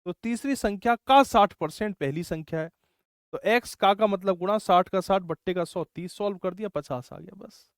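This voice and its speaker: A man's voice: high-pitched, moderate pace, no room sound, clean studio sound. A man teaching a maths class online, explaining step by step and scolding students who get stuck. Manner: scolding, explains step by step, says bhai often.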